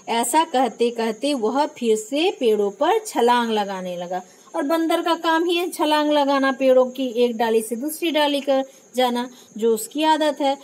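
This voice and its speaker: Lady teacher going thru a kids' textbook, high voice, takes it real slow, asks then answers her own questions. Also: low-quality recording. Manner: frequent "isn't it" check-ins. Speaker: primary school teacher. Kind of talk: textbook lesson for young children.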